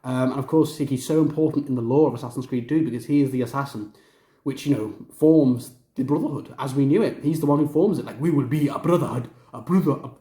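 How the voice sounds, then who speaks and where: A man's voice: medium pitch, fast talker, dark tone. A man hosting a gaming ranking video, talking enthusiastically and rambling with many fillers and restarts. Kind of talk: casual ranking commentary. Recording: roomy echo.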